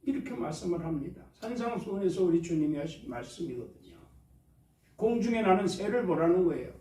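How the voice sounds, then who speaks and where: A man's voice: high voice, animated, brisk, warm tone. A man preaching a Sunday sermon as pastor, drawing responses from his congregation. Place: church sanctuary. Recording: echoey church hall, mic at a distance.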